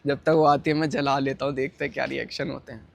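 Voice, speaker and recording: A man's voice: medium pitch, level tone, fast, gravelly. A young man filming a prank vlog, teasing and defiant as he brushes off his partner's scolding. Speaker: vlogger.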